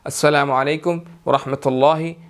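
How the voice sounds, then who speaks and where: A man teaching Quran recitation rules step by step, patiently repeating each verse slowly. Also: on the high side, steady tone. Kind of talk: slow step-by-step recitation lesson.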